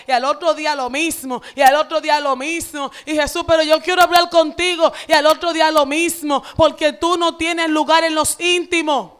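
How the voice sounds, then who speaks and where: A woman's voice: sits high, fairly bright tone. A woman pastor, preaching a fervent sermon in a church with repetitive phrasing. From Dominican Republic.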